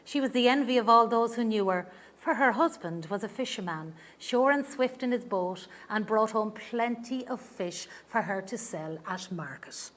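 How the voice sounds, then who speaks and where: A woman storyteller with a fairly high voice. She tells an old folktale in measured phrases, stressing key words for dramatic effect. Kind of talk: traditional oral folktale storytelling.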